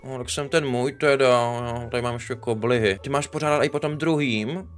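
A young man hosting a Minecraft role-play, narrating and steering the story in an animated, bossy way. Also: mid-range voice, over music. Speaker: YouTuber host.

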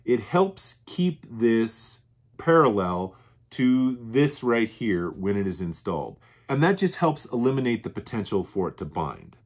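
A man's voice: medium pitch, sing-song, a little slow, breathy edge. A man hosting his own workshop channel, walking through machined parts in a plain, methodical way and often restating his points. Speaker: channel host. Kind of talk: workshop show-and-tell. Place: workshop bench.

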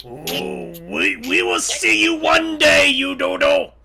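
A man playing a fat, blustering, irate county boss in game roleplay, with a raspy, strained voice. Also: extremely high pitch, sing-song, takes it slowly, bright, forceful tone, heavily acted. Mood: grumbling, threatening. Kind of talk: improvised online game roleplay.

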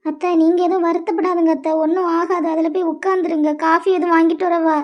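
A woman plays a gentle middle-aged cartoon mother with a Kanyakumari Tamil accent who soothes her son softly. Her voice is very high and flat, and the recording is dull and lo-fi. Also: fast. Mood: soothing.

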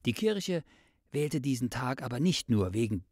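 A man narrating a scripted explanation for children, deliberately and with dramatic pauses. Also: mid-range voice, big pitch swings, a little mellow, no room sound, studio quality.

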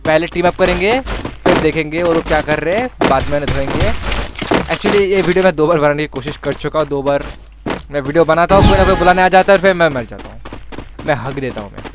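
A man from India giving casual gameplay commentary as a streamer, excitable, swinging from loud pleading to muttered threats. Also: a little high, brisk, over music. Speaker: mobile game streamer. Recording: loud game gunfire behind the voice. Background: game gunfire and shots.

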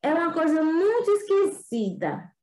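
A woman's voice: extremely high pitch, big pitch swings, darkish tone, voice pushed up, heavily acted. A woman reading as a wise storybook fox. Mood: gentle. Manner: slow, read-aloud storybook tone. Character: wise patient female fox. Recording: echoey room.

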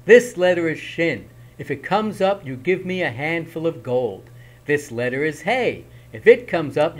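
A clever young trickster, read aloud by a man, talks in a bright, teasing way. His voice sits a little high and bounces with life. Storybook warmth runs through it.

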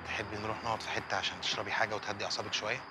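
An actor with an Egyptian Arabic accent playing a calm, flirtatious man inviting a woman out. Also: lowish voice, very fast, music in the background, close to an everyday voice, rough recording.

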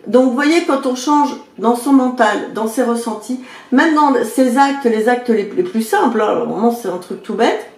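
A woman's voice: fairly high pitch, normal speed, hardly any pauses. Chatty French-speaking woman coach, echoey room. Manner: chatty, addresses viewers directly with frequent checks; acts out quoted exchanges in lively voices. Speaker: medium and personal development coach. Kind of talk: spoken advice video.

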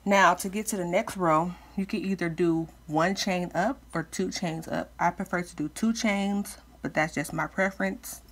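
A woman's voice: lowish voice, normal speed, hardly any pauses, a bit bright. A woman giving casual step-by-step craft instruction as a tutorial host, informal, with slightly lisped speech from wearing retainers.

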